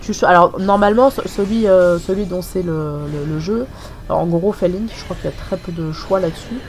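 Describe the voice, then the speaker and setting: A gaming channel host, a woman with a French accent, rambles through casual gameplay commentary packed with hesitations and fillers while sniffling from a cold. Her voice is on the low side and darkish, at a moderate pace. It's a voice-over with faint game music and slight background noise.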